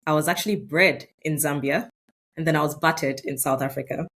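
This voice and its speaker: A woman's voice: low voice, a little fast, fairly bright tone, husky. A middle-aged woman from Ghana, a scientist answering interview questions thoughtfully. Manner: thoughtful, with frequent um fillers. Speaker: guest scientist. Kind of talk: interview conversation.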